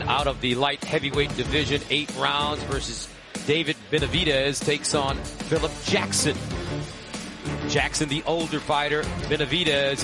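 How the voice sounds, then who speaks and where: Male fight caller, fairly high voice, clipped play-by-play phrases, loud music behind. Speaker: boxing play-by-play commentator. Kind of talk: live fight commentary.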